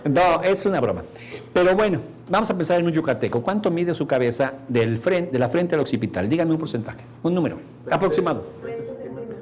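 Guy teaching a course, lively, fairly high voice, puts on voices for examples, bit of hiss. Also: brisk. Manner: animated, acts out quoted voices, asks the audience questions. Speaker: course speaker. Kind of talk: lecture to an audience.

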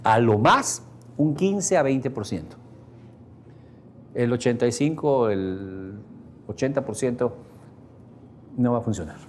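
In a seminar room before a live group, a man with a Mexican Spanish accent gives a workshop lecture in a mid-range voice with lively intonation, speaking slowly with long pauses over a little hiss or hum. His teaching style is chatty, built on everyday examples, and he regularly checks in with his audience.

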